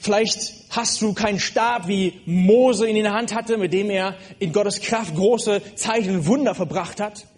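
A man's voice: high voice, measured pace, few pauses. A man preaching a sermon, speaking earnestly and directly to the listener, with frequent hesitations.

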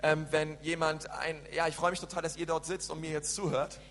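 A man hosting and interpreting a church sermon live, animated, with frequent fillers and restarts. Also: fairly high pitch, fairly quick. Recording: echoey church hall with hum.

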